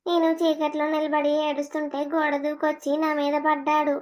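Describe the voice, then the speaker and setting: Pallavi is a frightened young wife in a cartoon family drama, voiced by a woman. She begs tearfully in a very high, thin voice, and the delivery stays flat and monotone. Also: fairly quick, close to an everyday voice. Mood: urgent. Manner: tearful pleading.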